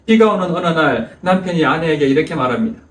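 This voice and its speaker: Animated preacher in an echoey church. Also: male voice, a little high, fast. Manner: storytelling preacher, emphatic. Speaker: pastor. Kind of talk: sermon. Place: church sanctuary. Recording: echoey church hall, distant mic.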